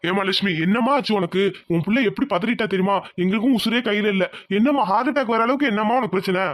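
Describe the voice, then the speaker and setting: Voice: mid-range voice, fast talker, no echo, clean studio sound, natural voice. A performer voicing a worried, kindly village uncle who comforts his niece in a cartoon. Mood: anxious. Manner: anxious but reassuring. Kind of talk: cartoon voice acting.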